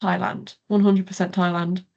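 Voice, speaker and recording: Mellow young woman, west of Ireland accent. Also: on the low side, little pitch movement, normal speed, creaky, highs cut off. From Galway, Ireland. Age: young adult. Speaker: interview guest, pharmacy student. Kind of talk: casual interview answers.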